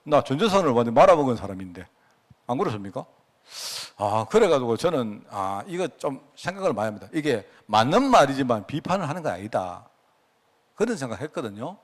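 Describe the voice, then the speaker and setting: A man's voice: medium pitch, big pitch swings, brisk. A middle-aged man with a Gyeongsang accent, preaching a sermon as pastor in a folksy, conversational way and often asking his listeners to agree. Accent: Gyeongsang Korean.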